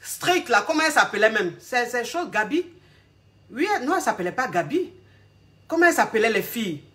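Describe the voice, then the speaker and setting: A woman's voice: a little high, very animated, a little fast, pushed and bright. A woman giving relationship advice in a casual live talk, speaking straight to her viewers and rambling as she searches aloud for words. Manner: addresses the audience directly and familiarly. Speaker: relationship coach.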